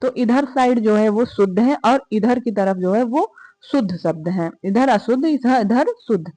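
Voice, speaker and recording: Woman teacher, exam prep lesson, drills answers, fairly high voice, dry close sound. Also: darkish tone, dry recording. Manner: repetitive, drilling questions and answers aloud.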